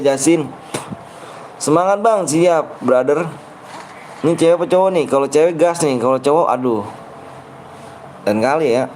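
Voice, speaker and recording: A man's voice: a little high, a little mellow, slight background noise. A young man with a Betawi accent streaming a game, grumbling and bickering with his chat in slangy casual talk. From Jakarta, Indonesia.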